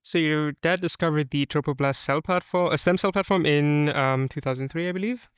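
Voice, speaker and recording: A man's voice: on the high side, fairly quick, fairly bright tone, clean tone, dry recording, clean studio sound. A man hosting a podcast, reading a scripted welcome and then asking his guest questions. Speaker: podcast host. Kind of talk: scripted intro and interview questions.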